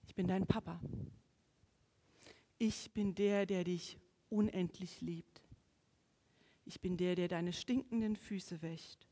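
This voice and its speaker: A woman preaching a sermon, swinging between strong emphasis and hushed, whispered passages. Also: on the low side, steady tone, takes it slowly, pauses often. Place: church. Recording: long reverb of a church hall.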